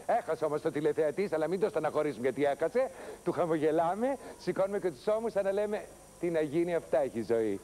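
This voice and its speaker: An actor playing an exasperated TV producer who nags and lectures a new hire. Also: male voice, a little high, lively intonation, mellow, a little hiss or hum, natural voice. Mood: lecturing. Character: exasperated TV show producer, a middle-aged man. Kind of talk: TV sketch comedy acting.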